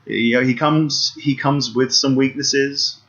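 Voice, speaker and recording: A man's voice: mid-range voice, steady tone, slow, a bit bright. A man co-hosting a casual football podcast, talking eagerly with many restarts and repeated points. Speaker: podcast co-host. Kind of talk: casual sports chat. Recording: dull lo-fi podcast audio.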